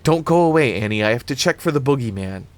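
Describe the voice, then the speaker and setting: A man's voice: mid-range voice, lively intonation, fast talker, dry recording, pitched above the performer's own voice, natural voice. A man reading aloud and voicing an anxious, earnest teenage girl babysitter. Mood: hurried. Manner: flustered, earnest.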